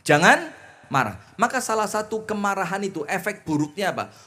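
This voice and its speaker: A man with a fairly high voice and a Javanese accent gives a lively, folksy sermon. He chants Arabic phrases slowly and then explains them conversationally, and his voice swings between loud emphasis and soft asides. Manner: folksy, mixes in homely jokes. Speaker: Islamic preacher.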